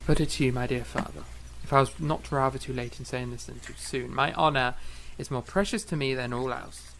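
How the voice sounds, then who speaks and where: Earnest and proud, a man voices a fiery young eighteenth-century composer in a period audio drama, delivering formal, emphatic lines with theatrical flair. His medium-pitched voice is gravelly and fairly bright, he talks a little fast, and the recording quality is low.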